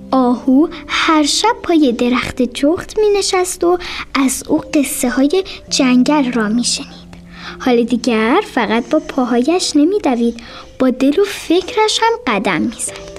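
A woman tells a children's story in a soft, gentle voice and often slips into a whisper. Her voice is high, with faint music playing behind her.

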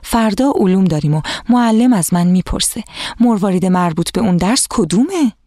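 An eager, cheerful little schoolgirl, as a storyteller plays her in a children's storybook. Her lines are pitched up from the reader's own voice and sound bright and excited. The recording is dry and close, with no room sound. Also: dry recording, natural voice.

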